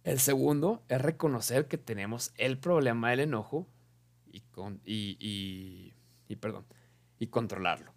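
A young man who gives a casual spoken explanation, talks in an animated way, corrects himself as he goes and acts out little dialogues. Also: medium pitch, a little slow.

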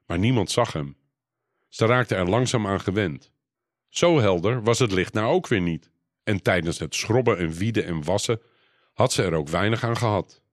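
A man reading a children's storybook aloud in a calm, even narration. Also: fairly low pitch, dry recording, clean studio sound.

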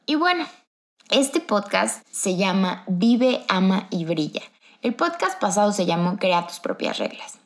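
A woman's voice: medium pitch, very animated, measured pace. A woman with a Mexican accent hosting a motivational podcast, chatty and upbeat, talking straight to the listener. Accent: Mexican Spanish. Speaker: podcast host.

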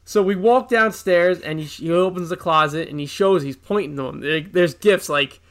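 A man in his thirties co-hosting a podcast, telling casual, animated and profane stories with acted-out quotes. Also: sits high, moderate pace. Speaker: podcast co-host. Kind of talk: casual storytelling chat.

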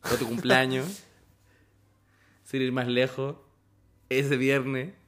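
A man's voice: medium pitch, flat delivery, very slow, a bit bright. A young man with a Chilean accent, co-hosting a casual podcast chat with teasing sarcasm. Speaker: podcast co-host.

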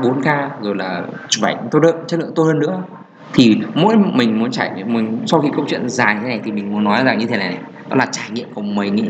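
A man's voice: fairly low pitch, lo-fi sound, background noise. Rambling man talking on a podcast. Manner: rambling with many fillers and restarts. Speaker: podcast host. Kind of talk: casual solo podcast talk on marketing.

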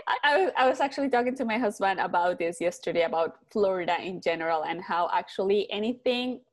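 A woman hosting a podcast interview, bubbly and quick to laugh in casual chat. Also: mid-range voice, lively intonation. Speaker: podcast host.

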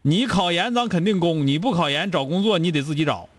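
A man's voice: a little high, lively intonation, a little fast, no room sound. A man with a Northeastern Chinese accent hosting a call-in advice show, blunt and scolding, firing rhetorical questions. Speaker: radio call-in show host.

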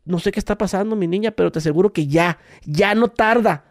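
A man voicing a scheming con-artist fortune-teller witch, speaking low and coaxing in a put-on Apu-style accent. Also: a little fast, no room sound, studio quality.

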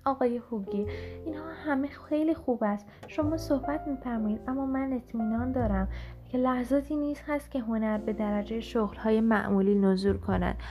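A woman voicing an excitable, brusque middle-aged male painter in an audiobook reading, exclaiming emphatically. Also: a little high, close to an everyday voice. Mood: dismissive. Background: background music.

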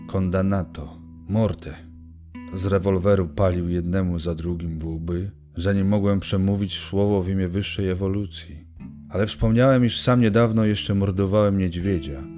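A man narrating a literary story in a measured, solemn reading. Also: deep voice. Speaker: audiobook narrator. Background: guitar music.

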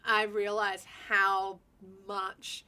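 A woman's voice: medium pitch, level tone, drawn-out words, pushed and bright. A woman with a broad Australian accent chatting casually and frankly in a group. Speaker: conversation participant.

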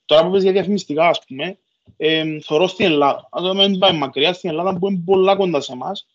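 A man's voice: sits high, muffled recording. A man from Cyprus with a Cypriot Greek accent, chatting casually and colloquially on a podcast. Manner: colloquial, repeats filler phrases.

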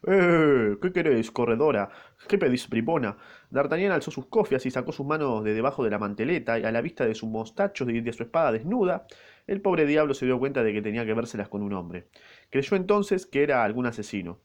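A man's voice: mid-range voice, very animated, quick pace. A man with an Argentine accent reading a novel aloud casually, breaking in with slangy jokes. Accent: Argentine Rioplatense Spanish. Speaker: reader of a novel. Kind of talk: casual read-aloud with comments.

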